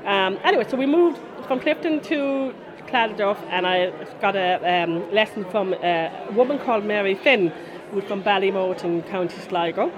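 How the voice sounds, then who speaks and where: A woman's voice: mid-range voice, moderate pace. A woman in her forties with a west of Ireland accent, chatting and rambling through stories in a casual interview. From Connemara, west of Ireland. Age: 40s. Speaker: interviewee, folk musician. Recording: busy crowd murmur behind. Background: crowd after a concert.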